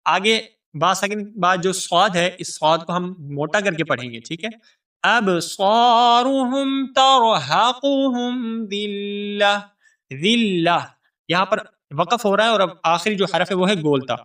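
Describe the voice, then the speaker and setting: A man teaching tajweed, chanting verses slowly and melodically and explaining the rules quickly and plainly. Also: sits high, pushed and bright, distant mic. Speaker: Quran recitation teacher. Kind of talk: tajweed lesson with recitation.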